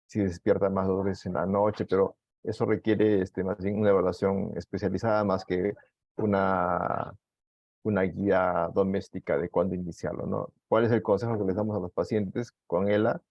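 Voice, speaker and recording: A pulmonologist with a Peruvian accent patiently answering caregivers' questions, with many fillers. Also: male voice, sits low, level tone, moderate pace, darkish tone, no echo. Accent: Peruvian Spanish. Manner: explanatory, patient, filler-heavy. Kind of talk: medical Q&A talk. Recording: dull lo-fi dry sound.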